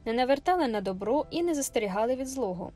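Жінка-оповідачка з виразним читанням. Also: female voice, a little high, faint music behind. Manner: measured, expressive storytelling. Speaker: audiobook narrator. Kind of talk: scripted literary narration.

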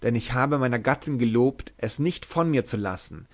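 A man reading aloud, voicing a young married lord who halts and stammers, then bursts out loudly. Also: mid-range voice, animated, moderate pace. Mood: flustered.

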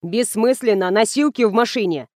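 A woman's voice: medium pitch, normal speed, a little mellow, dry recording, clean studio sound, lightly acted. A woman reading the part of an officious, curt male ambulance doctor.

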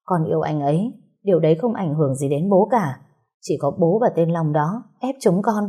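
A woman's voice: deep voice, lively intonation, normal speed, mellow, husky. A woman voicing a desperate young wife and mother who begs tearfully, in a storybook reading. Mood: defiant. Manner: tearful begging. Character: desperate young pregnant-mother daughter, pleading.

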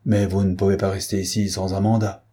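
A stolid police sergeant speaks in measured, formal, polite lines, as a male narrator puts him on. The voice is low and mellow. It has a slightly husky texture. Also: flat delivery. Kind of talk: audiobook character reading.

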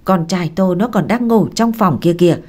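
A woman voicing a quarrelsome older village mother who shouts and curses. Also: on the low side, brisk, close to an everyday voice. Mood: angry. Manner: shrieking, cursing.

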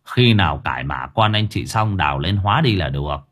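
A man's voice: sits low, lively intonation, brisk, fairly bright tone, voice pushed down. A man voicing a blunt, bossy old village exorcist. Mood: instructive. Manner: blunt, earthy, commanding.

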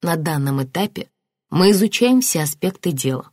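A composed woman detective who keeps a steady, official tone, read by a woman narrator. The voice is lowish and dry, close to the mic. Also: no echo. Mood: calm. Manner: measured, official.

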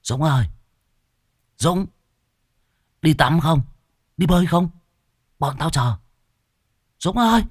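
A man voicing village boys calling a friend out to swim, shouting eagerly. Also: fairly high pitch, lively intonation, takes it slowly, long pauses, slightly rough, no echo, studio quality, pitched above the performer's own voice, full character voice. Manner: shouted calls from afar.

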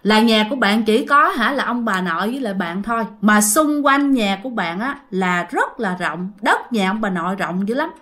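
A woman's voice: medium pitch, expressive, normal speed, few pauses, a bit bright. Chatty Southern Vietnamese woman storyteller. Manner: chatty, addresses listeners directly, heavy use of sentence-final particles. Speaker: storyteller and channel host. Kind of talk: casual spoken retelling of listener-sent ghost stories.

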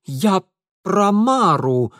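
A shrill, panicky young man, yelling high above a normal voice. The voice swoops wildly and is recorded dry and close. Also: very animated, drawn-out words, dry recording, exaggerated voice. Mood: agitated. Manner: shrieking, frantic yelling.

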